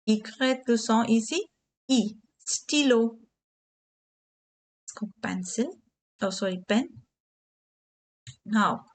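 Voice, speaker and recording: A woman teaching beginner French, giving English glosses and repeating key words slowly. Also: mid-range voice, a little mellow. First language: Hindi.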